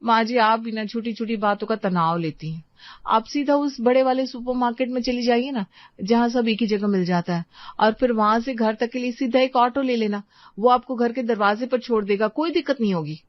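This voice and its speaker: A woman's voice: fairly high pitch, moderate pace, dry recording, lo-fi sound, lightly acted. Woman playing a young wife hooked on her phone. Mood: dismissive. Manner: polite but brushing off others.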